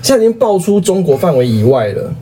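Mellow, husky man reading news. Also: high voice, fast. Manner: wry one-liners, then steady news summary. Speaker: podcast co-host. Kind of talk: casual chat and news recap.

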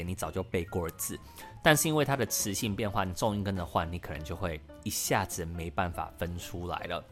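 A man with a deep, low voice teaches English in a podcast lesson. He explains each point step by step and spells out words letter by letter. Soft music plays faintly behind him.

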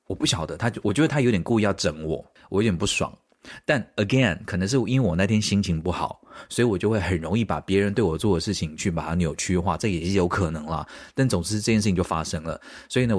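Fast-talking low-voiced man venting. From Taiwan. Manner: animated, venting, mimics voices in his anecdotes, mixes in English and German phrases. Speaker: podcast host. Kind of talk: solo podcast storytelling. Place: living in a small German university town.

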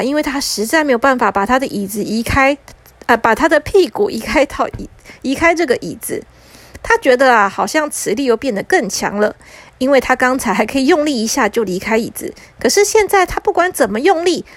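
A woman narrating a bedtime story for children in a gentle, lilting way. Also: high-pitched, no room sound. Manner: gentle, lilting with drawn-out particles.

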